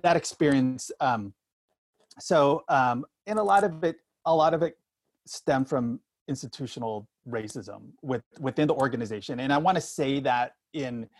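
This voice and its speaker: Middle-aged man, low-pitched conversational storyteller. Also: no room sound. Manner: halting, repeats and restarts phrases often. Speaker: interview guest. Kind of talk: candid conversational interview, personal storytelling.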